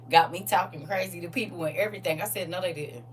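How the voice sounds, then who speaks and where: A woman in her forties hosting a casual livestream, animated and teasing as she reads viewer comments aloud. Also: fairly low pitch, fairly quick, far from the mic, slight background noise.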